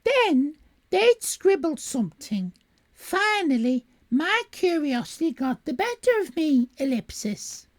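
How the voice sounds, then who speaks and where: A woman voicing a tearful, sobbing lady witness in a melodramatic read-aloud story, with a squawky, quavering high voice. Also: sing-song, slow, no echo, studio quality, heavily acted. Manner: melodramatic, sobbing between phrases.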